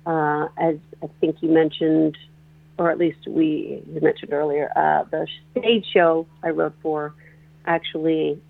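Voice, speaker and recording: A composer and performer from northeastern Pennsylvania answers radio interview questions over a tinny phone line, speaking haltingly with many restarts. The voice is medium-pitched with little pitch movement and some vocal fry.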